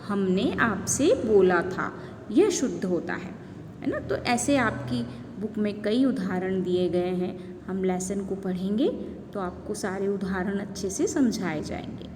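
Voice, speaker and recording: A woman teacher talks young children through a lesson, with a slow, deliberate pace and a pitch that rises and falls a lot. She keeps checking they follow with little tag questions. Her voice carries a long reverb with faint noise behind it. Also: lively intonation, a little mellow. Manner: addresses young children directly. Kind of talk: slow explanatory classroom lesson.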